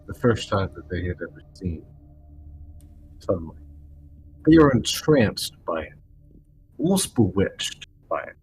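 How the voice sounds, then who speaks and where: A man running a tabletop game as game master, narrating slowly in halting bursts while his audio cuts in and out over a bad connection. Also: deep voice, darkish tone, poor audio. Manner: halting, slow scene-setting with long pauses. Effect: bad connection, audio cutting in and out. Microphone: headset or desk mic on a voice call.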